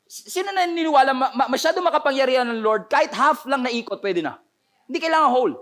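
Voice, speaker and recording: A man's voice: very high voice, expressive, fast, a bit bright. A man with a Filipino accent preaching a sermon, telling the story with energy and acting out the voices of the people in it. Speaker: pastor.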